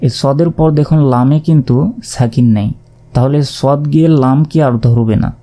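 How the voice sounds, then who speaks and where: A man teaching Quran reading, spelling out letters and vowel marks one by one and repeating syllables in a calm lesson. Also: medium pitch, moderate pace. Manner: calm, repetitive syllable drilling.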